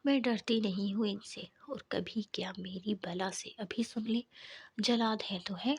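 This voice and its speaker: A woman voicing a defiant, sharp-tongued young office worker in a whispered role-play of a novel reading. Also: medium pitch, a little hiss or hum, natural voice. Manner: bold, retorting.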